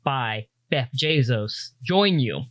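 A man improvising narration as game master of a tabletop game, in a halting, loose way. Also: mid-range voice, expressive, a bit bright, no echo.

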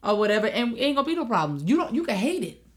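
Animated young woman telling stories. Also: a little high, quick pace. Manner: animated storytelling, acts out relatives' voices; frequent "you know what I'm saying". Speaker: podcast co-host. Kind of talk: casual chat.

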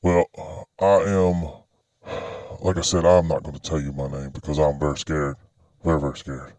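A man playing a frightened military private, stammering and halting in a disguised deep voice through a voice changer. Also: level tone, a little mellow, no room sound. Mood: nervous, scared. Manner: nervous, halting, stammering, repeating words. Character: frightened anonymous military private telling his secret story. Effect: pitched-down voice changer. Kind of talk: confessional testimony for a podcast.

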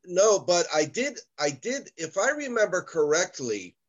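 A man's voice: high-pitched, sing-song, unhurried, lo-fi sound. A man chatting casually as a sports betting guest, heard over a video call. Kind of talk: casual chat.

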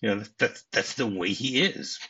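Husky man chatting on a lo-fi podcast. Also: lowish voice, moderate pace, sharp tone. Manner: chatty, many restarts and laughs. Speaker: podcast host. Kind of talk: casual film discussion.

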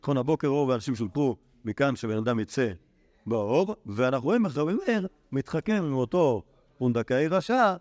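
A man's voice: medium pitch, expressive, a little mellow, no room sound. A man, a rabbi teaching a Talmud class to students, reading the text aloud and then explaining it in everyday speech with many restarts.

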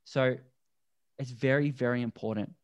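A man, a guest on a podcast, explaining things earnestly and deliberately in a conversational interview. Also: mid-range voice, fairly even intonation, dry recording. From Australia. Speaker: podcast guest, endurance athlete.

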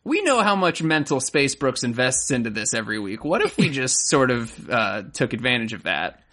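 Rambling podcast co-host with animated pitch. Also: normal speed. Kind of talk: casual banter about music.

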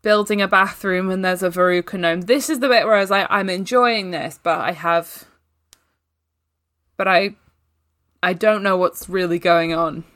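A woman's voice: fairly low pitch, fairly even intonation, normal speed, fairly bright tone. A woman in casual podcast chat, telling jokey stories with a playful manner.

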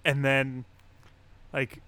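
A man with a medium-pitched, smooth voice draws out his words as he co-hosts a podcast. In relaxed, casual chat he retells a story packed with fillers, laughing often.

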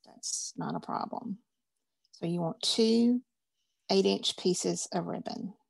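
A woman's voice: on the low side, slow pace, gravelly, husky, dry recording. A woman, teaching a craft class in a chatty, upbeat, folksy way. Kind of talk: casual craft class instruction.

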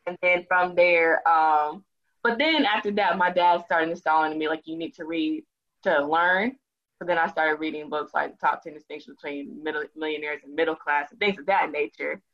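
Relaxed woman saying "y'all," dull sound. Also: low-pitched, brisk. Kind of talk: casual group chat.

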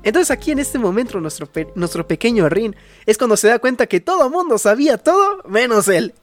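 A young Mexican man talks in a high, slangy ramble as he recaps a story in casual chat. He cuts in with loose asides, and faint music plays under his voice. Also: very animated, brisk. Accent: Mexican Spanish. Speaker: podcast co-host recapping anime.

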